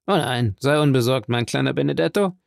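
A man's voice: mid-range voice, a little fast, creaky, no echo, studio quality, close to an everyday voice. A man voicing a greedy, scheming male ex-convict who needles and wheedles, in a storybook reading.

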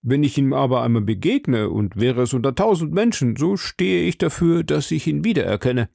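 A man's voice: medium pitch, lively intonation, moderate pace, vocal fry, darkish tone, no echo, studio quality, pitched above the performer's own voice. A man voicing a timid, frightened middle-aged male shopkeeper who speaks hesitantly and pleads anxiously.

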